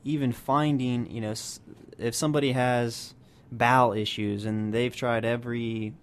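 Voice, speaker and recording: A man speaking as a health practitioner guest on a radio show, explaining at length and patiently with many pauses. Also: medium pitch, fairly even intonation. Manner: explanatory, many fillers and restarts. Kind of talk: radio interview.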